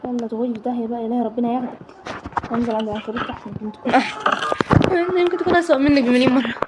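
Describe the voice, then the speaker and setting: A woman's voice: fairly high pitch, racing. A young Egyptian woman with an Egyptian Arabic accent, giving jittery, exasperated commentary on a horror game as she talks to her viewers. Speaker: gaming YouTuber. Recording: loud background noise and clicks.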